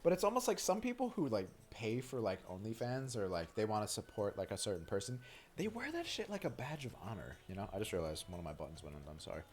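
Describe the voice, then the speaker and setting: A man's voice: on the low side, wildly swooping pitch, fast talker, a little hiss or hum. A man streaming a video game, chatting casually in a rambling, frank way with many fillers. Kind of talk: casual chat while gaming.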